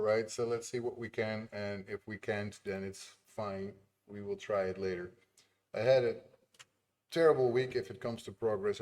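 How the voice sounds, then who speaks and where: On a live stream, an indie game developer whose first language is Dutch works on his game, chatting casually, laughing a lot, and muttering to himself. His voice is on the low side and a little mellow.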